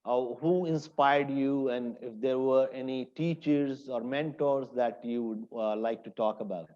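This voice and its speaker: A man's voice: mid-range voice, fairly even intonation, measured pace, darkish tone, dull audio. A man hosting an interview, reading a formal introduction and asking questions with some hesitation. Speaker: interview host.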